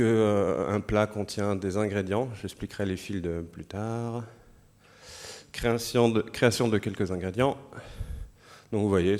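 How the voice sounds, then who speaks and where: A man with a French accent and a somewhat low voice presents a live demo at a tech conference. He explains each step plainly, with frequent fillers. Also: darkish tone. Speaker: conference speaker. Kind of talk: live coding demo talk.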